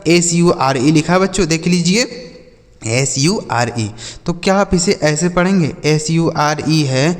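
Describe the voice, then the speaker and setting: A man teaches English in a video lesson and keeps asking questions that he then answers himself. His voice sits somewhat high and he spells each word out one letter at a time. A long reverb trails behind his speech. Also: measured pace. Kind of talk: YouTube classroom lesson.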